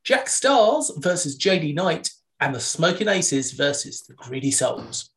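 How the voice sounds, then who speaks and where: A woman co-hosting a podcast, briskly reading match lists with dry jokes in a casual news roundup. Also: deep voice, big pitch swings. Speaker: podcast co-host.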